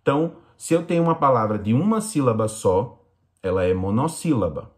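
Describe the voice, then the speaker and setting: A man teaching young children in Brazilian Portuguese, explaining slowly and patiently in a recorded lesson. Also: mid-range voice, big pitch swings, a little mellow. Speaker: primary school teacher.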